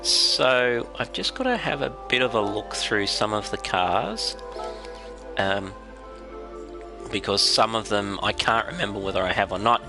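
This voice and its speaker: Raspy Australian man with a head cold. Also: lowish voice, expressive, a little slow, over music. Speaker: game livestream host. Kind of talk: casual livestream commentary.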